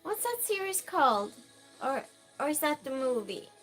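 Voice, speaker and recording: With soft background music behind her, a woman speaks at normal speed in a high voice that swings widely in pitch. She's a native Norwegian speaker with a Norwegian accent, casually reading viewer messages aloud on a live stream amid many fillers and restarts.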